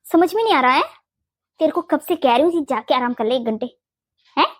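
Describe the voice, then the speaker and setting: A woman voicing a fiercely protective, sharp-tongued older mother-in-law in a Hindi cartoon, blunt and bossy. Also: high voice, steady tone, normal speed, no room sound, clean studio sound, natural voice. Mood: irritated. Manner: blunt, scolding, makes boastful vows.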